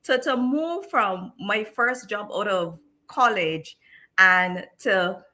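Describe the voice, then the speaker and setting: A woman's voice: mid-range voice, expressive, takes it slowly, bright, forceful tone. A woman in her thirties from Barbados, a teacher telling her story as a guest on a live-streamed interview, chatty with many restarts.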